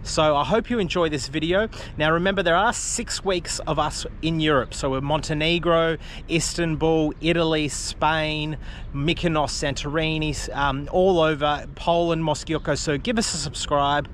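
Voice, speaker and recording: A man's voice: fairly high pitch, steady tone, normal speed, fairly bright tone. Cheerful male travel vlogger, 30s, from Australia, selfie camera outdoors, faint ambient noise. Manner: upbeat, chatty, enthusiastic. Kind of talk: casual travel vlog. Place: outdoors on a seaside fort. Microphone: phone or camera at arm's length.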